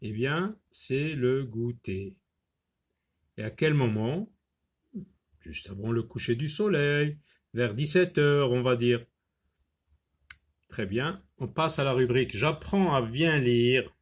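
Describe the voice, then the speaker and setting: A male teacher works through a beginner reading lesson at a slow, patient pace. He sounds out each word syllable by syllable and repeats it several times. His voice sits at a middle pitch. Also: animated. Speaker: primary school teacher.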